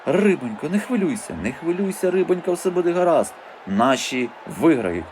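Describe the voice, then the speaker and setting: An excitable, bespectacled-professor sort of football fan, put on by a male audiobook narrator. He heckles the players in a shrill, raised voice and fusses over his wife in a high, coaxing tone, his pitch leaping about. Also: normal speed, a little hiss or hum. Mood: soothing.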